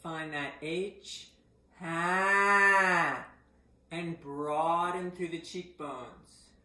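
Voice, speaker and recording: A middle-aged woman teaches voice resonance slowly and deliberately. Her lowish voice has a bright, forward ring, and she shows each exercise with loud vocal sounds. The room adds a clear echo. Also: steady tone. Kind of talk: voice exercise lesson. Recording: echoey room.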